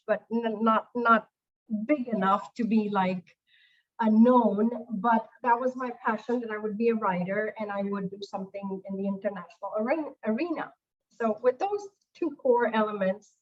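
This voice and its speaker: A woman's voice: mid-range voice, dull audio. A woman from Pakistan, an executive director speaking on a panel in an earnest manner, often restarting her phrases. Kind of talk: panel discussion.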